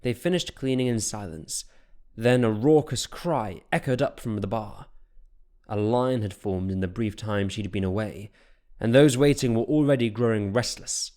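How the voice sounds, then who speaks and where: A man narrating a fantasy audiobook in a steady, measured storytelling voice. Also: lowish voice.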